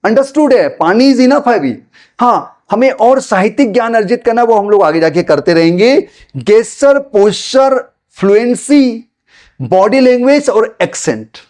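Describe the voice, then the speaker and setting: Man, English teacher, high voice, patient repetitive explaining. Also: expressive, a little mellow. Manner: explains slowly, repeats points, addresses viewers as friends. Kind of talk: spoken English lesson to camera.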